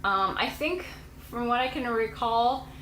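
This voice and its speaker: Chatty young mom in an echoey room. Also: female voice, fairly high pitch, unhurried, a bit bright, a little hiss or hum. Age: late 20s. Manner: chatty, rambling, laughs often. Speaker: homeschooling mom vlogger. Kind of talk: casual chat to camera.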